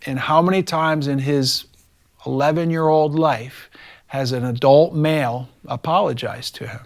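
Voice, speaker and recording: A man's voice: fairly high pitch, a little slow. A middle-aged male teacher recounts a classroom story in a conversational interview. He talks casually and slips into the voices of the people in his story as he goes. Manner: animated, acts out quoted dialogue.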